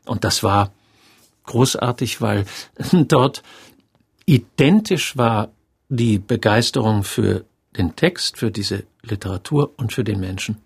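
A man's voice: fairly low pitch, lively intonation, takes it slowly, vocal fry, husky. A man in his sixties, a theater director, reflecting thoughtfully and telling stories in an interview. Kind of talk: radio interview.

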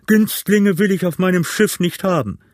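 A man's voice: on the high side, lively intonation, moderate pace, a little mellow, dry recording, studio quality, pitched above the performer's own voice. A man reading as a curt stern sea captain. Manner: clipped, commanding. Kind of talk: audiobook reading.

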